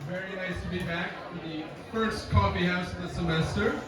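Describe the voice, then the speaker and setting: A young man performing a stand-up comedy set on a campus coffee house stage, deadpan and self-deprecating, with audience laughter behind him. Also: high voice, moderate pace, heavy background noise. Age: young adult. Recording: echoey room, mic from far off.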